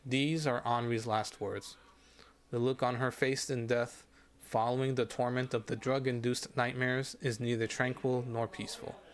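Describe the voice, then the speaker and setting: A man reading a sad short story aloud from a game, in steady narration. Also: mid-range voice, moderate pace. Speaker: streamer reading game stories.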